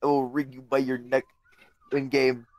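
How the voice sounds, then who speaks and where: A man's voice: mid-range voice, little pitch movement, moderate pace, darkish tone, dry recording. Exasperated man, dry close sound. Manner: exasperated, confused questioning. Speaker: player on a game stream. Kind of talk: casual chat on a game stream.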